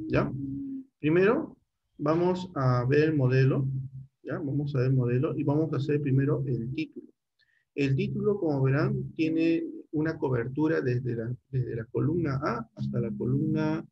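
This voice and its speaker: A man's voice: mid-range voice, vocal fry, husky, muffled recording. A middle-aged man teaching a computer class online, guiding students step by step and checking in often.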